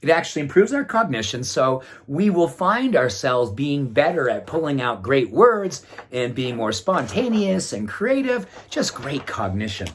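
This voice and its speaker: A man's voice: medium pitch, sing-song, unhurried, few pauses, slight background noise. A middle-aged man, a wellness doctor, talking casually to the camera in his own video, enthusiastic and chatting to his pet pug between points.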